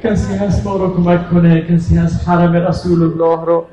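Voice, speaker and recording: A man delivering a mourning sermon, narrating in plain speech and breaking into shouted, wailing chant. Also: little pitch movement, slight background noise. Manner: rises into shouted wailing chant, then drops to low narration. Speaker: eulogist. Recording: echoey, distant mic, faint ambience.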